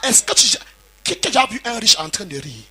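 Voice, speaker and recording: A man preaching a fiery sermon as pastor in a church hall, proclaiming with repetition and bursts of shouting. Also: sits high, big pitch swings, fairly quick.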